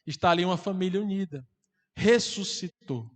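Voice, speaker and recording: A man preaches with fervor, his voice pitched high for a man. The sound carries a long reverb from the church hall. He swells into loud, impassioned climaxes. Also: normal speed. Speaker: pastor. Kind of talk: sermon.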